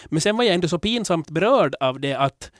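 A man hosting a podcast in casual chat, candid and rambling, with many restarts, growing animated when telling stories. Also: a little high, no echo, studio quality. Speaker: podcast host.

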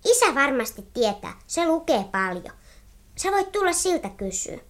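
A woman's voice: sits high, sing-song, a bit bright. A woman voicing an eager, chatty little girl in a radio play.

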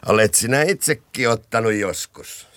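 An actor playing a drunk, sly blackmailer in an old radio drama, taunting and mocking. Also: male voice, medium pitch, expressive, fairly bright tone, close to an everyday voice.

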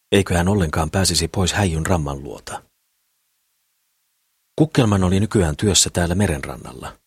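A man narrates an audiobook in a calm, steady storytelling voice. His tone sits very low with a husky grain. The recording is close and dry, with no room sound. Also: no room sound. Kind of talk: scripted narration.

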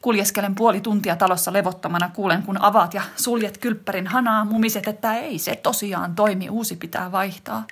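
A woman's voice: medium pitch, few pauses, breathy edge. A woman voicing a wistful wife reading a letter to her husband in a radio drama monologue, intimate and reflective. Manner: intimate, reflective, growing more heightened and excited.

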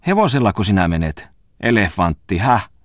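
A man's voice: fairly low pitch, very animated, no room sound, clean studio sound, voice pushed up. A man voicing a plump, teasing old-town bookseller. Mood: coaxing. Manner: bantering, chiding in jest.

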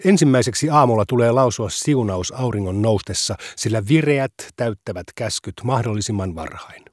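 A man giving a measured, even scripted reading of a translated religious legal text in a radio studio. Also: medium pitch.

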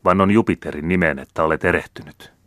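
A male audiobook reader voicing a suave aristocratic count who speaks with smooth, condescending irony. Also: sits low, a bit bright, no echo, studio quality. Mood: coolly mocking. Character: suave aristocratic count, coolly mocking diplomat.

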